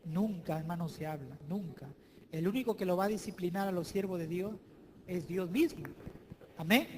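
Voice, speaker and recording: A male pastor preaching a sermon in a church, emphatic and swinging between loud declarations and hushed asides. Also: high-pitched, normal speed, a little hiss or hum.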